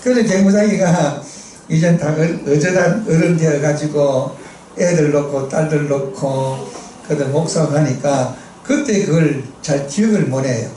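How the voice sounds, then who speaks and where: A man's voice: fairly high pitch, measured pace, warm tone, slight background noise. A middle-aged man with a Gyeongsang accent preaching a sermon in a church, telling funny stories and prompting the congregation for replies. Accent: Gyeongsang dialect Korean. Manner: chatty, storytelling, asks the congregation for responses. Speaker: missionary preacher. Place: church sanctuary. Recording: echoey church hall, distant mic.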